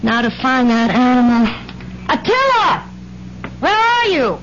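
A woman's voice: sits high, unhurried, heavily acted. An actress playing a scheming woman who sweetly coaxes her dog in sing-song pet talk, in 1970s radio drama style. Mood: sly, musing. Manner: cooing, sing-song pet talk turning to excited commands. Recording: dull, very noisy old radio broadcast.

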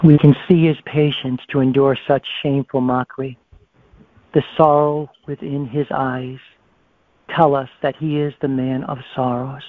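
An earnest man reads a devotional meditation at a steady, mid-range pitch. He stumbles and restarts now and then. The sound is dry and thin, like a phone line. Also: no room sound. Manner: earnest, halting, occasional restarts. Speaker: radio show co-host reading devotions.

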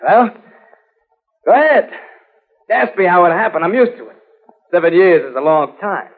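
A man's voice: sits high, lively intonation, moderate pace. An actor playing a bitter, scarred male war veteran who speaks in a mocking, sarcastic way, in 1940s radio acting. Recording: tinny old radio broadcast with music.

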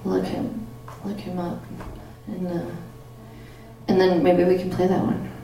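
Mellow-voiced woman host in an echoey loft. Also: lowish voice, flat delivery, measured pace, creaky, a little hiss or hum. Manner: friendly and encouraging, short affirmations. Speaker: host and musician. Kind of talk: casual interview chat. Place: theater loft, live session. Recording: echoey room, mic far off, guitar behind.

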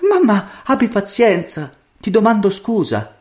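A gentle, humble young girl from a storybook, as a male storyteller puts her on, her voice lifted very high. She pleads softly and sounds meek. She never raises a fuss. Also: very animated, unhurried. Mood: pleading.

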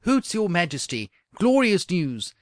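A man's voice: sits high, unhurried, no echo, studio quality, voice pushed up. A man voicing an eager old male court chamberlain, putting on a stumbling Scottish accent. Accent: put-on Scottish. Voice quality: excited, stumbling over words.

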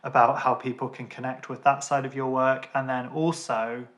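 A man's voice: medium pitch, flat delivery, normal speed, a bit bright. A man hosting a podcast in a casual chat, reflective and supportive toward his guest. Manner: reflective, supportive, hands the floor over. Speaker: podcast host.

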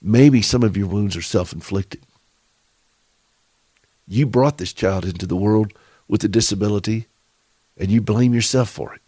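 A middle-aged man with a Southern accent hosts a faith-based radio show for caregivers, offering earnest, preacherly encouragement and asking listeners direct questions. His voice is on the low side, warm and slightly rough, at normal speed with long pauses, in a dry recording.

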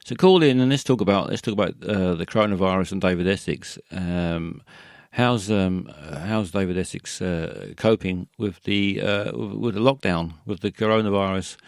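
Low gravelly man rambling on a call-in show. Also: no room sound, studio quality. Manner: meandering, halting, many fillers and restarts. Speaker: radio call-in host.

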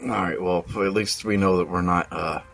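A man's voice: deep voice, steady tone, moderate pace, vocal fry, a bit bright. A man hosting a casual sports betting podcast, rambling with many fillers and restarts. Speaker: podcast host.

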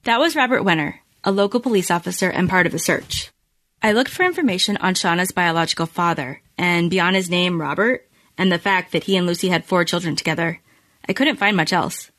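A woman hosting a podcast, reading scripted true crime narration in measured, storytelling phrases. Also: on the low side, a bit bright. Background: music bed.

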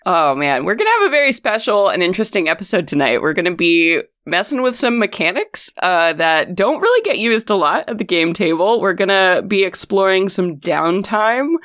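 Excitable woman dungeon master, casual chatty hosting, voice jumps around a lot, mid pitch. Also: moderate pace, hardly any pauses. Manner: excitable, informal. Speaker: dungeon master and show host. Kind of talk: casual unscripted hosting of tabletop game stream.

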